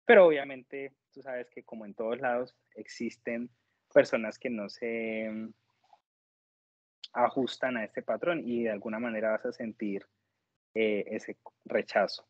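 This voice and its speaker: A man from Colombia, giving a conversational testimonial and pausing to search for his words. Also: medium pitch, steady tone, dry recording, highs cut off. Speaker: nurse working in the United States, interviewee.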